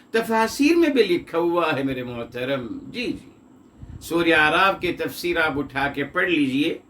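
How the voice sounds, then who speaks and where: A man giving a Quran commentary lesson, slowly explaining Arabic word roots and often addressing his listeners as "my respected one". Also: high-pitched, a bit bright. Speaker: Quran teacher.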